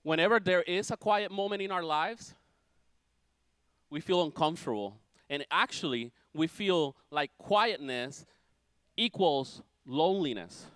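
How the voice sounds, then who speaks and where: A man preaching with a high, very lively voice that leaps between ringing declarations and hushed near-whispers. The sound is dry and close, with no room echo. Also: unhurried, smooth. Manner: dramatic, swings from loud declarations to near-whispers. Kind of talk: sermon.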